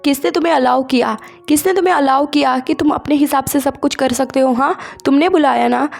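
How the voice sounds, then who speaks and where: A woman voicing a drunk, furious young male star who shouts and demands. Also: high-pitched, brisk, gravelly, faint music behind. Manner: loud angry demanding outbursts.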